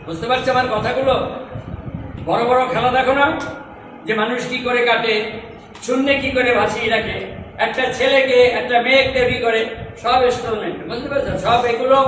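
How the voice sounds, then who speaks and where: A man's voice: very high-pitched, fairly even intonation, brisk, pauses often. A man in his seventies doing kids' party magician patter, calling out questions to the children and asking for applause. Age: 70s. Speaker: stage magician. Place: school magic show before children. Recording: very echoey room, distant mic, noisy.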